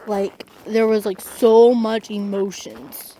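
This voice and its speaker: A young woman vlogging outdoors while riding a horse, telling an emotional story in a halting way with many restarts. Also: mid-range voice, steady tone, mellow, a little hiss or hum, low-quality recording.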